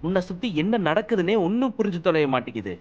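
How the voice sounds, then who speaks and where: An exasperated, scolding young friend. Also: male voice, high-pitched, very animated, lo-fi sound. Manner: loud, exasperated, rapid-fire scolding. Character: young man, hot-tempered, scolding but caring friend. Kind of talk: audiobook drama acting.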